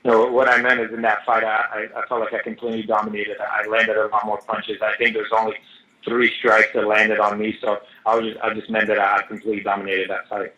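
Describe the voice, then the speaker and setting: A man's voice: lowish voice, completely flat delivery, brisk, bright, forceful tone, lo-fi sound. A man interpreting answers in the first person on a press conference call, heard over a speakerphone line.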